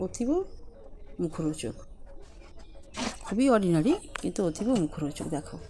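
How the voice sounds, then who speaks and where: A woman chatting softly to viewers as friends while she does household chores. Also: medium pitch, gravelly. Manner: speaks softly and quietly. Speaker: vlogger. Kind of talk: casual home vlog chat. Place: house with rooms, kitchen and rooftop. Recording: noisy home recording.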